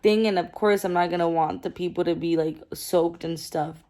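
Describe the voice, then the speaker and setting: A young woman with a lowish, warm voice talks at normal speed and a steady tone, vlogging into a close-held camera. She rambles casually with lots of fillers and asides, first from the car, then at home.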